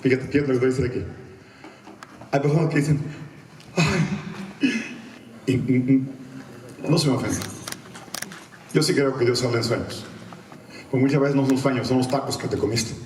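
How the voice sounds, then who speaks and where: A male evangelist preaching a sermon with emphatic, animated delivery, shouting key words and acting out quoted voices with humor. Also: medium pitch, normal speed, long pauses, slight background noise. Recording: echoey room, voice from a distance.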